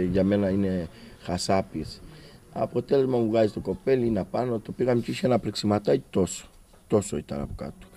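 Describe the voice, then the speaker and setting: A man with a Cretan accent and a deep, very dark, mellow voice tells a reporter his own story as a father. He is agitated and acts out the conversations he had, often pushing his voice up with intensity. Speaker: father of a patient.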